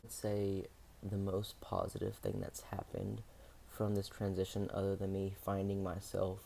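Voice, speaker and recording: A young adult man speaking candidly in a personal video diary, hesitant, with many pauses and fillers. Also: deep voice, vocal fry, warm tone, a little hiss or hum. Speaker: vlogger.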